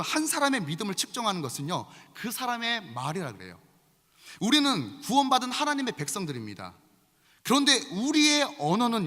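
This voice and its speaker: A man in his forties preaching a sermon as pastor, conversational and animated, often calling out to the congregation. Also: a little high. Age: 40s. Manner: lively, conversational preaching with frequent appeals to the congregation. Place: large church sanctuary. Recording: long reverb of a large hall.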